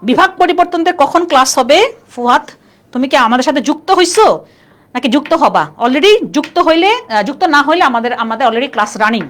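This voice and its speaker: A woman's voice: high-pitched, lively intonation, moderate pace, fairly bright tone. A woman teaching a live online class, chatty and constantly quizzing her students. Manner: chatty, keeps asking students questions.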